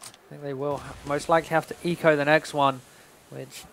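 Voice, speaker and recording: A man's voice: fairly high pitch, flat delivery, a little fast, vocal fry, fairly bright tone. A man working as an esports caster, calling play-by-play in short, clipped descriptions of the action. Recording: background noise with game gunfire. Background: game gunfire and clicks.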